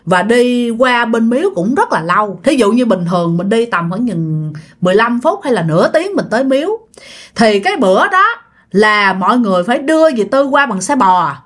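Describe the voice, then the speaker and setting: A woman with a slightly high, bright, sing-song voice tells a casual ghost story at a moderate pace. She keeps it chatty and often speaks directly to her listeners.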